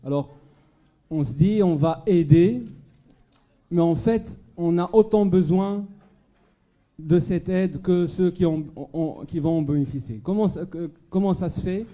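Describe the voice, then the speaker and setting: In a gala banquet hall, a Moroccan-raised charity speaker delivers a live speech to dinner guests at a fundraiser, stumbling through fillers and restarts. He has a high, warm voice and a measured pace.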